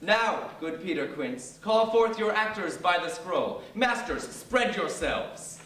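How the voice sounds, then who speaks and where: A man's voice: high voice, animated, takes it slowly, fairly bright tone, exaggerated voice. A man playing an eager show-off amateur actor, grandiose and hammy, in a Shakespeare stage comedy. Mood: eager, pompous. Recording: echoey hall, distant mic, faint noise.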